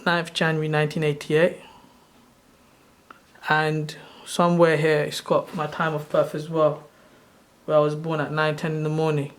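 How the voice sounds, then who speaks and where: A man's voice: on the high side, completely flat delivery, normal speed. A man in his thirties from Sri Lanka, hosting his own channel and talking through a screen-share tutorial in a loose, rambling way, often correcting himself as he goes. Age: 30s. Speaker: channel host.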